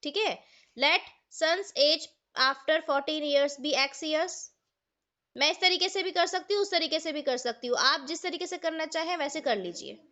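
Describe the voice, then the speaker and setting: Bright-voiced Indian woman teaching maths. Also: sits high, a little slow. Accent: Indian English. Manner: explains step by step, asks the students questions, mixes Hindi and English. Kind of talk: online class lecture. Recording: dull lo-fi online class audio.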